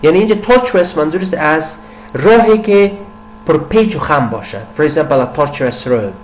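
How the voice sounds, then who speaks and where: Older male teacher, bilingual vocabulary lesson, quick asides, slow careful English reading, faint hum behind. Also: fairly high pitch, animated, rough recording. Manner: switches between fast Dari explanations and slow, deliberate English reading.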